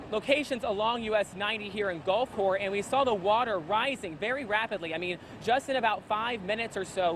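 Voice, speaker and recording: High-pitched man reporting live over storm noise. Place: outdoors near a flooded coastal parking lot in a hurricane. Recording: clear wind and outdoor storm noise. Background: wind and outdoor ambience.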